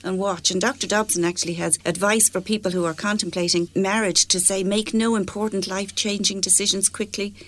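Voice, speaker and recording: A woman's voice: mid-range voice, fairly even intonation, a little fast, few pauses. A woman discussing relationships on radio, earnest and telling anecdotes. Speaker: radio show co-presenter. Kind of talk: conversational discussion.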